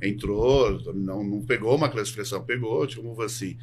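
Man, São Paulo accent, podcast guest, animated storyteller, faint hum. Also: fairly low pitch, brisk. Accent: Brazilian Portuguese, São Paulo. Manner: animated storyteller, acts out quotes. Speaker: guest, bodybuilding judge and coach. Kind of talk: casual podcast chat.

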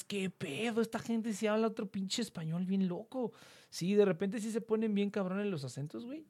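A man's voice: high voice, darkish tone, dry recording. A young man with a Mexican accent, chatting casually with friends in a slangy, laid-back way, telling stories.

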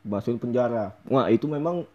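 A young man telling a story in casual chat, animated and laughing often as he acts out what people said. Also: mid-range voice, fairly quick, lo-fi sound. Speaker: storyteller guest.

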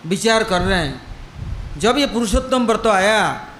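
A man's voice: high voice, lively intonation, unhurried, a bit bright, a little hiss or hum. A male preacher telling a devotional story in a sermon, acting out the characters' dialogue as he goes. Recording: echoey room with faint ambience.

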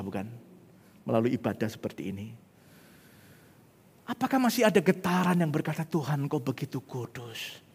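A man preaching a sermon as pastor, swinging from loud urgent appeals to hushed whispers and acting out prayers. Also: a little high, husky. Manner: acts out prayers and quoted voices. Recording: long hall reverb.

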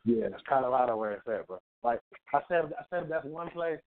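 Rambling co-host on tinny phone-like audio. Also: male voice, mid-range voice, expressive, fairly quick. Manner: rambling, restarts his sentences. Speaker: podcast co-host. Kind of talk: casual chat.

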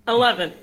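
A woman plays a tabletop role-playing game, speaking casually in character, laughing often and hedging with fillers.

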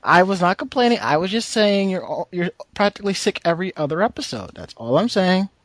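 A man's voice: sits high, lively intonation, brisk, no echo. A man hosting a podcast in casual banter, opinionated and given to emphatic repetition. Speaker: podcast host. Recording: music playing behind the voice.

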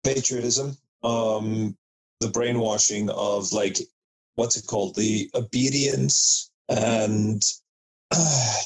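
Slow, hesitant low-voiced man. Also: fairly even intonation, darkish tone, low-quality recording. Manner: hesitant, searching for words. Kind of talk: casual chat.

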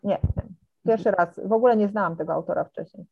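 A woman in a book club discussion, giving frank, measured criticism of a book. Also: medium pitch, vocal fry, a little hiss or hum. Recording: muffled dry lo-fi sound.

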